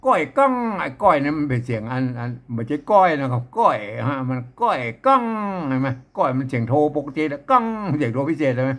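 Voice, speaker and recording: A man with a Northern Thai accent teaching old verse writing, chanting lines and then explaining them in a relaxed way. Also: fast, few pauses. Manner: switches between high sung chanting of verses and low relaxed explaining.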